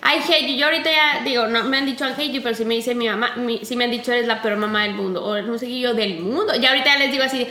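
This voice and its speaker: A woman with a high, bright voice talks in a casual chat. She hesitates and circles around as she looks for the right words. The room has a noticeable echo. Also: steady tone, rapid-fire, few pauses.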